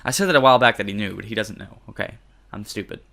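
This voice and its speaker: A man's voice: on the low side, very fast, gravelly, sharp tone. A young man hosting a let's play, reading a visual novel's narration aloud and breaking off for jokey, self-deprecating asides with casual swearing.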